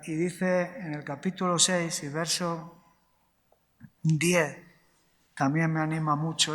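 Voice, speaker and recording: A man's voice: fairly high pitch, fairly bright tone. A man preaching a sermon, asking the congregation questions and answering them himself, often adding short tag questions. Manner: frequent tag questions, slow deliberate emphasis. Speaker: pastor. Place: church hall. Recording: long reverb of a church hall.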